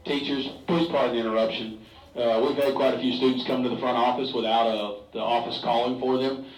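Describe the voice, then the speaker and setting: A man's voice: mid-range voice, fairly even intonation, a little fast. A man making a polite announcement over a school intercom, hesitating with fillers. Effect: school intercom loudspeaker. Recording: roomy classroom sound from a distant speaker.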